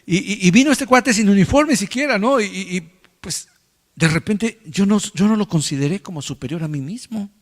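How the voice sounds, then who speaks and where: A man's voice: high voice, a bit bright, big-room sound. A man preaching a sermon as pastor, in a conversational way with many repeated words. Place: church hall.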